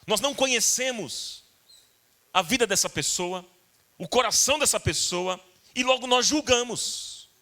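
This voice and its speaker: Bright, lively Brazilian pastor preaching. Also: male voice, very high voice, unhurried. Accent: Brazilian Portuguese. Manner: earnest, repetitive, addresses congregation directly. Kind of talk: sermon. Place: church.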